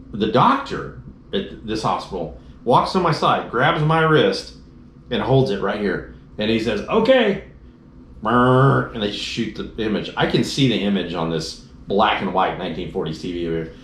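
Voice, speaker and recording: A man with a fairly low voice tells a rambling personal story in a relaxed chat, slipping into other people's voices as he quotes them. He is in a roomy, echoey space with a faint hiss underneath. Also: moderate pace. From Dallas-Fort Worth area, Texas. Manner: animated storyteller, acts out quoted dialogue. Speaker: motorcycle trip rider telling his story.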